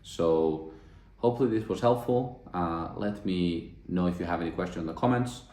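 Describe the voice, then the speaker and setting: Guy talking to camera, low voice, kinda thinking out loud, echoey room. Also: normal speed. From Finland. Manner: earnest, thinking aloud with frequent restarts. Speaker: self-development vlogger. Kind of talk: reflective monologue to camera.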